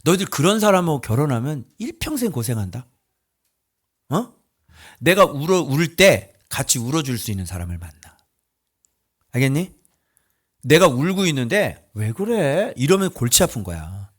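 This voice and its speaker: A man delivers a sermon as a pastor, colloquial and emphatic, firing rhetorical questions at his listeners and swinging from loud outbursts to low mutters. He's very animated, speaks at a normal speed, and leaves long pauses.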